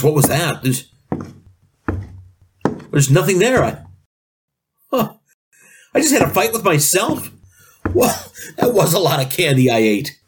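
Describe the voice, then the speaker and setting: A man's voice: a little high, a little hiss or hum. A man playing a jittery late-night radio host who stammers and gets flustered easily, in a comedic audio drama. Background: music.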